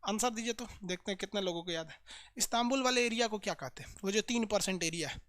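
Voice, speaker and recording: A man's voice: sits high, fairly bright tone, dry recording. A man teaching an online lesson, chanting place names over and over and joking with students in a folksy way. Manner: chants place names in rapid repetition drills. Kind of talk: energetic recorded lesson.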